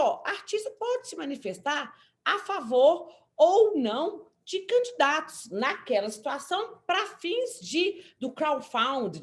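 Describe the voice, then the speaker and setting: A woman lawyer with a Brazilian accent, speaking as a guest on a panel and explaining with animated, acted-out examples. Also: sits high. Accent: Brazilian Portuguese. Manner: animated, explanatory, acts out quotes. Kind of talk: panel discussion.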